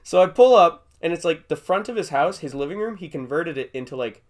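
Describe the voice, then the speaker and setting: Young male host, animated intonation, rambling comic storyteller. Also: a little high, fairly quick. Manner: rambling, jokey storytelling, often laughing. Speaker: podcast host. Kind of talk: casual chat.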